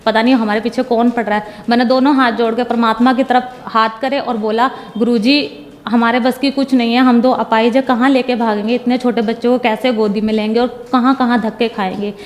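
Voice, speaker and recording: A woman's voice: fairly high pitch, steady tone, fairly quick, in a large hall. A young woman giving a personal religious testimony in casual storytelling, retelling conversations line by line and quoting herself and others.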